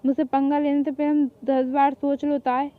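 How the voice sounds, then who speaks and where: A woman playing a feisty young fangirl in a homemade audio drama, defiant and quick to scold. Her voice sits high, and the recording is muffled and lo-fi. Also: flat delivery, natural voice. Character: feisty young woman, devoted boy-band fan. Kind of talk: hobby fan drama.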